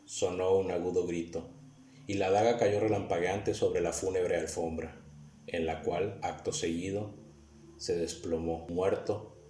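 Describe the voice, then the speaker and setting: A man reading a gothic tale aloud as an audiobook narrator, in a solemn, measured and dramatic way, heard in a roomy recording. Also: low-pitched, warm tone. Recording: roomy recording with faint hiss.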